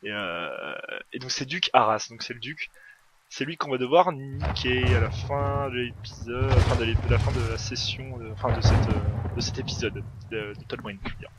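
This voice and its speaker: A man's voice: medium pitch, moderate pace, noisy background. A man hosting a gaming video, giving casual gameplay commentary in a rambling way full of fillers and self-corrections.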